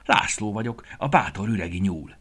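A man's voice: lowish voice, expressive, a bit bright, breathy edge. A man voicing a boastful, brave little male rabbit in a children's story, talking in a cocky, sing-song way.

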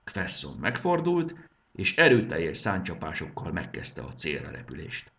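Male storyteller, low voice, very lively delivery. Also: vocal fry. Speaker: narrator. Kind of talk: storybook reading.

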